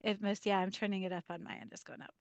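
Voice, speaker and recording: A woman talking as a guest in a casual interview over a video call. She tells stories with lively energy, laughs often and acts out the lines of the people she quotes. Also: mid-range voice, quick pace, no room sound.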